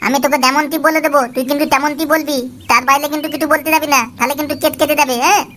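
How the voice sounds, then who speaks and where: Futu, a cocky cartoon boy, voiced by a woman, rattles on in a high, quick voice. He schemes and boasts without pause. Light music plays behind him. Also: flat delivery, close to an everyday voice. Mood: scheming. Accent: Bengali. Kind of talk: cartoon voice acting.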